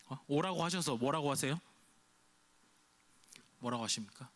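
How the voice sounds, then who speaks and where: A man's voice: medium pitch, moderate pace, fairly bright tone. A male pastor giving a youth service sermon, chatty and questioning, often quoting imagined speech in character. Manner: conversational preaching, keeps asking the congregation questions; acts out imagined lines in a quoted voice.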